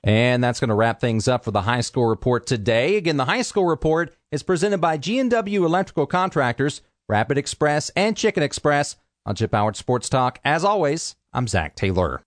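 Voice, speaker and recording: A man's voice: mid-range voice, big pitch swings, normal speed, no room sound. Male sports reporter for radio segment, mid-range voice, very dry studio.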